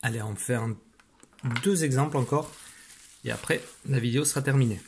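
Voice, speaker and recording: A man teaching a spelling lesson, slowly sounding out syllables with patient guidance to a child at home. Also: medium pitch, a little hiss or hum. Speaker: primary school teacher.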